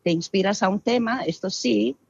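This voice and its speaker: A woman's voice: medium pitch, normal speed, gravelly, slightly rough, dry recording. Woman, dry and muffled. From Italy. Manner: expressive, with frequent hesitations. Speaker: guest, arts festival founder. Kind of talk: interview answers.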